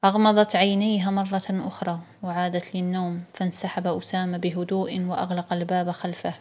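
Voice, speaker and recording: A woman narrating a novel as an audiobook in a calm, measured reading. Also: on the low side.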